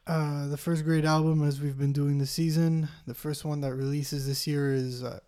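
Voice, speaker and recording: A man co-hosting a casual music podcast, talking in a relaxed, informal way. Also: on the high side, moderate pace, clean tone. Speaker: podcast co-host. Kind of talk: casual chat about albums.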